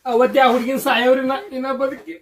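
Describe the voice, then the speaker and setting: Mumbling North Karnataka Kannada guest. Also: male voice, extremely high pitch, level tone, fast, far from the mic. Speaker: guest in sketch. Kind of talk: comic sketch.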